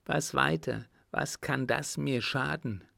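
An indignant, flustered count with a raised, incredulous way of questioning, as a man puts him on in a higher voice. He sounds slow and gravelly, as if reading from a storybook, with a dry, close sound. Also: pushed and bright, no echo, full character voice. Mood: surprised.

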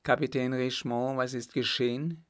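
A man's voice: medium pitch, steady tone, moderate pace, voice pushed up, lightly acted. A man reading aloud, voicing a stern older emperor who speaks curtly and commandingly. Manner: curt, commanding.

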